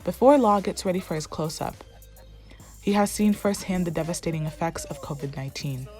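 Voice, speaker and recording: Low-voiced woman reading news voice-over. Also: a little fast, darkish tone, soft background music. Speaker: news reporter.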